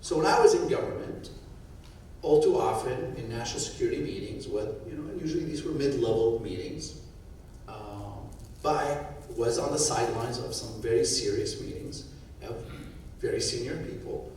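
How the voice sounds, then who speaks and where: Recorded from a distance in an echoey conference hall with a bit of hiss or hum, a middle-aged Syrian man speaks off the cuff on a panel. He is thoughtful and restarts sentences, and his voice is medium-pitched, darkish and expressive at a moderate pace.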